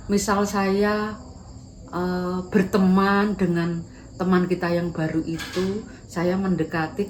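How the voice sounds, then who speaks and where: A woman's voice: on the low side, slight background noise. A woman doing a shy, hesitant schoolgirl with a lilt. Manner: timid, hesitant, pleading.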